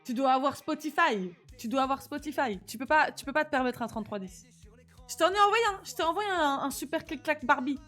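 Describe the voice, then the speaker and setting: A woman's voice: sits high, lively intonation, brisk, fairly bright tone, faint music behind. A young woman with a slight lisp and slushy s sounds, chatting casually and animatedly in slang as she livestreams. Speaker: live streamer.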